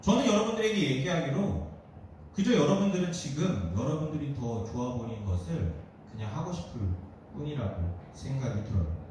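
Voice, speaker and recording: A man preaching to teenagers as their youth pastor, asking them direct questions in an animated way. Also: mid-range voice, fairly quick, a little hiss or hum. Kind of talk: sermon to teenagers. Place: church hall. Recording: very echoey hall, distant mic.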